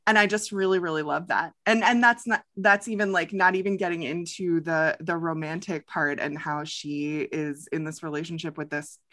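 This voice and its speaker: Bright-voiced woman chatting casually. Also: sits low, fairly even intonation, normal speed, few pauses. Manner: chatty, laughing, many fillers. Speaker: podcast host. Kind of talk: casual chat.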